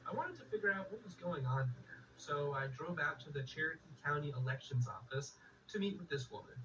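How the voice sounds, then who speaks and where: A man reporting and co-hosting a public radio program in a measured, clear storytelling delivery. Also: a little high, lively intonation, distant mic, highs cut off, noisy background. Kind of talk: scripted public radio narration.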